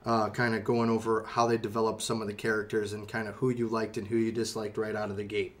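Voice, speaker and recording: A man's voice: lowish voice, flat delivery, fast. A man hosting a casual podcast chat who rambles and restarts his sentences often. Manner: rambling, hesitant with frequent restarts. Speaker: podcast host.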